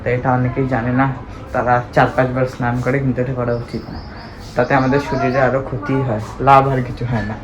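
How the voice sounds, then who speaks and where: A young man vlogs his day at home and outdoors, chatting casually to viewers he calls "guys," packed with fillers. His voice is mid-range and level at a quick pace. The home recording is rough, with loud background ambience.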